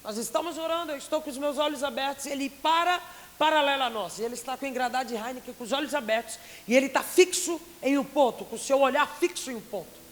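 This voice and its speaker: Young Brazilian preacher in an echoey hall. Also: male voice, very high-pitched, fast. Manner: storytelling with dramatic swings between hushed and loud. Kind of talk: emotional sermon testimony. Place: large conference hall. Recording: echoey hall, faint hiss.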